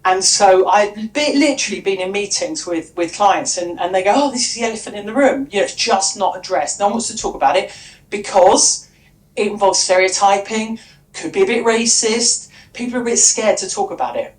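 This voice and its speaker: A woman's voice: medium pitch, normal speed. Chatty woman presenting in an echoey room. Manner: chatty, with frequent restarts and asides. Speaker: conference speaker and workshop trainer. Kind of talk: lively conference presentation. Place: conference room.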